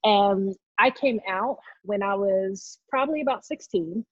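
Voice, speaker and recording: A woman in her thirties from New York City, a guest in an interview, talking loudly and passionately about herself. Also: mid-range voice, measured pace, no room sound, lo-fi sound. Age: 30s. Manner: loud, outspoken, passionate. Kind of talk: casual interview talk.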